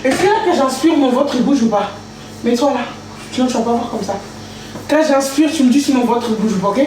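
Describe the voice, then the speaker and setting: A woman's voice: fairly high pitch, a little fast, a little mellow. A woman hosting a casual livestream from her home kitchen, playful, singing and chanting to herself while she cooks. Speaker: livestream host. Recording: echoey room with noise.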